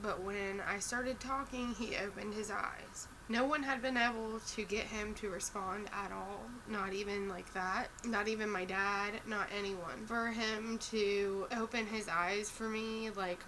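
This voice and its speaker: Chatty young woman vlogger, noisy room. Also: mid-range voice. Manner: rambling, emotional, fillers like "like" and "you know". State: tearful at times. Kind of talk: casual personal vlog storytelling.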